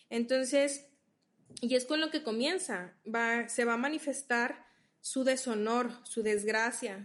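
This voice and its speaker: A woman teaches a Bible study, her voice sitting slightly high. She speaks slowly and patiently, reading scripture aloud and unpacking it step by step. She often stops to make sure her listeners are keeping up. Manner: explains patiently, reads verses aloud, checks in with listeners.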